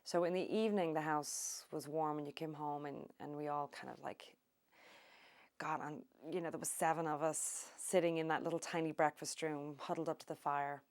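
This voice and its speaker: A middle-aged woman from Ireland, recalling her country childhood in an oral history interview, unhurried and thoughtful with many pauses. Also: sits low, steady tone. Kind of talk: reminiscing interview.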